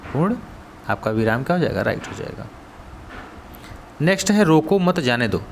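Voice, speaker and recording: A man with a Hindi accent and an ordinary mid-pitched voice works through exam questions for a coaching class. He poses each question, waits, then repeats the answer, over a faint background hiss. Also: very animated, normal speed, gravelly. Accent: Hindi, Varanasi region. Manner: asks students then answers, repeats key words. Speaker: coaching teacher.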